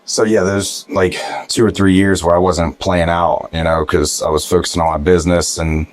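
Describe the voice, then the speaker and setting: A man, a musician guest, telling his story in a relaxed casual interview with frequent fillers. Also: sits low, normal speed, dry recording.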